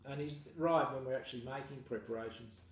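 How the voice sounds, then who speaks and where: An Australian man, a farmer, talking casually and at length in an interview, relaxed and self-deprecating. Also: mid-range voice, quick pace. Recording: echoey room, mic far off, faint noise.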